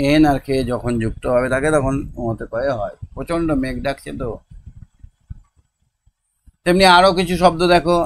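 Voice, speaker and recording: A man, tutoring young children through homework, counting slowly and drilling words one by one. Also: medium pitch, a little hiss or hum. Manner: slow, patient counting and word-by-word pronunciation drills. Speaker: teacher.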